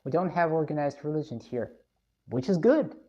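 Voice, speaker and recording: A woman's voice: low-pitched, expressive, moderate pace, dark tone, highs cut off. A woman from Russia, live streaming, reading viewer comments and giving blunt, opinionated views.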